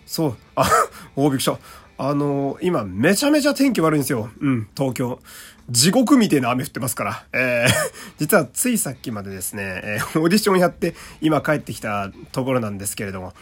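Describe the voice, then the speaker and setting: A man's voice: mid-range voice, very animated, brisk, slightly rough. A male voice actor hosting his own talk radio show, chatting casually in a put-on Kansai dialect, laughing often and reading listener letters aloud. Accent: put-on Kansai dialect mixed with standard Japanese.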